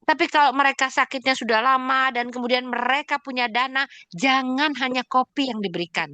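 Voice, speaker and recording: Bright-voiced woman doctor answering questions. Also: high voice, brisk, no room sound. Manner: explanatory, emphatic, lists examples. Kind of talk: online Q&A session.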